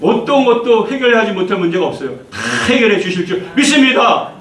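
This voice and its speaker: A man's voice: high-pitched, lively intonation, a little fast, fairly bright tone. A male pastor preaching a fervent sermon, repeating key phrases and leading the congregation through scripture readings. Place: church sanctuary. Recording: echoey church hall, distant mic, faint noise.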